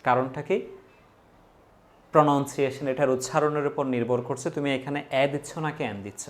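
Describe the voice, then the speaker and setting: A man's voice: medium pitch, flat delivery. Man teaching English grammar. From Bangladesh. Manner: asks students questions and answers them himself; slows down to read out example words one by one. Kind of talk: grammar lesson for exam students.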